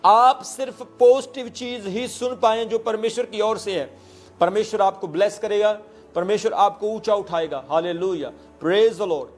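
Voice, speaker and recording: A man with a high voice preaching a sermon, dropping in hallelujahs and telling stories to make his point. He mixes English words into his preaching. Faint music plays underneath. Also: measured pace. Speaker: pastor.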